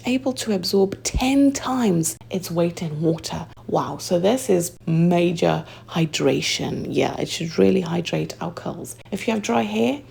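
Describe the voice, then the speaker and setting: A young adult woman from Zimbabwe chatting through a hair product review, reading the label claims aloud and slipping into soft asides. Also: fairly low pitch, creaky, slightly rough. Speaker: hair care vlogger.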